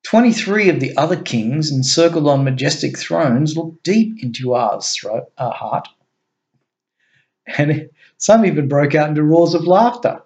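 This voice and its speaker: A man reads a story aloud at a measured pace, his voice sitting a touch high for a man. He now and then stumbles and corrects himself as he narrates. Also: animated, a little mellow. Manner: measured reading with small slips. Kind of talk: read-aloud fiction narration.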